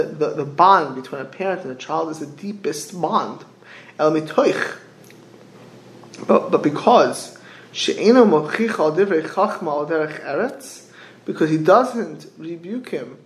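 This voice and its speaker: A middle-aged man with gives an informal religious sermon, haltingly repeating phrases and posing rhetorical questions. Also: a little high. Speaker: rabbi giving a religious class. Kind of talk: informal sermon, explaining texts with anecdotes. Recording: echoey room.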